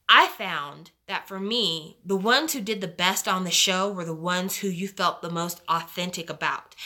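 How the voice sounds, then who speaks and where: A woman's voice: medium pitch, bright, forceful tone. A young woman hosting a live stream, chatting casually and giving strong opinions with lots of fillers. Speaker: livestream host.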